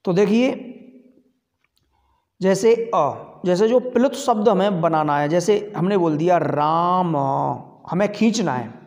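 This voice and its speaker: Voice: mid-range voice, animated, a little fast, hardly any pauses, a little mellow, big-room sound. A teacher giving a Sanskrit grammar lesson, explaining step by step, asking the class questions and answering them, and stretching out sounds to demonstrate.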